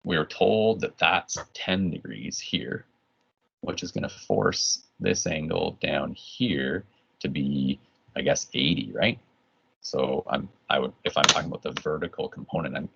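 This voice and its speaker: This Canadian man has a bass voice that's a bit bright, breathy at the edges, with vocal fry. Teaching physics online, he's casual and rambling, often restarting and checking "right?", and the recording sounds dull and lo-fi.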